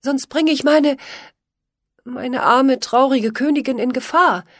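A woman's voice: high voice, takes it slowly, fairly bright tone, no echo, clean studio sound, pitched above the performer's own voice, exaggerated voice. A woman voicing an earnest, worried young stable boy who stammers and pleads. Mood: pleading.

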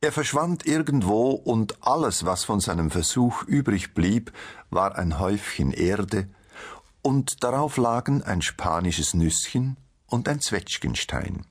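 A man narrating a storybook tale with a low, husky voice. His telling is slow and unhurried, and his pitch rises and falls expressively. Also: very animated. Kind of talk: storybook reading.

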